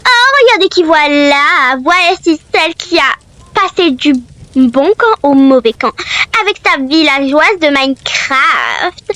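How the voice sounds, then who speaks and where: A woman's voice: high voice, lively intonation, measured pace, bright, forceful tone, dry recording, exaggerated voice. A woman voicing a catty, haughty young female K-pop trainee mocking her rivals in a role-play story.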